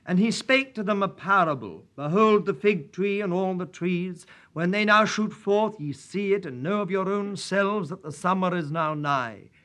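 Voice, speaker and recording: A man preaching in a church, praying and reading scripture in a solemn, measured way at a pulpit microphone. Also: sits high, fairly bright tone. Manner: solemn and measured, old-fashioned prayer wording. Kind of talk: sermon with prayer and scripture reading.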